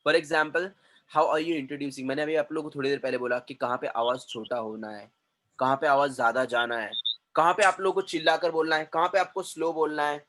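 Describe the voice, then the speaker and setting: A man's voice: fairly high pitch, fairly even intonation, fairly quick, a bit bright, poor audio. A man teaching a class on storytelling as a communication trainer. He repeats key terms and keeps checking in with listeners.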